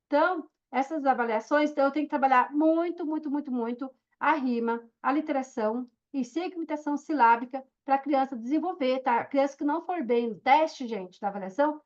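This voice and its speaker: A woman with a high voice teaches an online course. She explains things step by step and keeps checking in with her students. The audio sounds dull and lo-fi. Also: darkish tone. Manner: explanatory, checks in with listeners often. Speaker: course instructor. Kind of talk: recorded online lesson.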